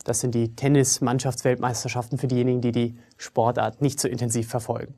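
A man in his thirties who grew up in Germany, a trainer giving a scripted video lecture in a lively, wry, self-ironic manner, recorded in a studio on a clip-on mic. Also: medium pitch, brisk. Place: studio with a virtual library backdrop.

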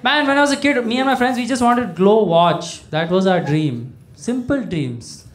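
A man's voice: high-pitched, animated, moderate pace, background noise. A young man performing a stand-up comedy set on a small club stage, talking into a handheld mic and acting out the people he quotes in a conversational way. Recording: live club recording with loud audience laughter. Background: audience laughter.

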